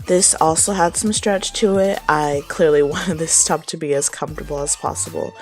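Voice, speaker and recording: A woman's voice: sits low, darkish tone. A young woman vlogger chatting to camera in a gushing, giggly way, then narrating a sewing tutorial. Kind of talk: casual chat to camera.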